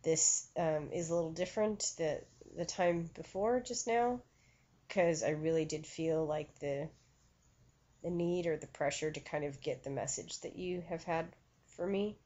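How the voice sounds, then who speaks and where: A woman's voice: low voice, unhurried, dark tone. A woman medium talking through a channeling session, chatty and self-conscious, full of fillers and restarts. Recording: dull lo-fi recording.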